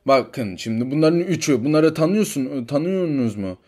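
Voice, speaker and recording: A man's voice: on the high side, expressive, normal speed, darkish tone. A man voicing a stern male police officer in a toy figure story, giving curt, bossy orders.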